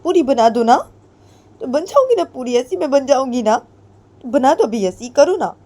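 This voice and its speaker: A woman voicing a hurt, bitter young woman who pleads and taunts with shrill, insistent questions. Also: a little fast, darkish tone, lightly acted. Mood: bitter taunting.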